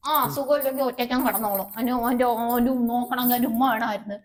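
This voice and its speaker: A woman in an acted family drama with a high voice and rapid delivery, sharp and sarcastic as she nags and scolds. She presses her points one after another without pause. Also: steady tone. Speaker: wife in a family web drama. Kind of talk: acted web series dialogue.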